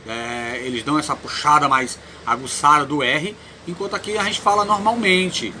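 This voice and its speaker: Bright-voiced Cearense male teacher. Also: on the high side, a little hiss or hum. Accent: Ceará, Brazil. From Ceará, Brazil. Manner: explains slowly, tags lines with "né?", repeats words. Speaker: Portuguese teacher. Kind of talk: recorded online lesson.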